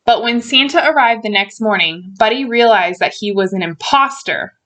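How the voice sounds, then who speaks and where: A woman reading a children's storybook aloud in an expressive way, stretching out key words for emphasis. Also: fairly high pitch, normal speed, slight background noise.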